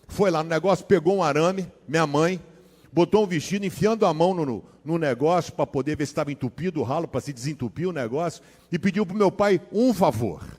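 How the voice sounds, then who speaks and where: Animated Brazilian pastor in a reverberant hall. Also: male voice, fairly high pitch, brisk. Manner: animated, slangy, swings between hushed asides and loud dramatic bursts. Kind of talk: sermon with personal storytelling.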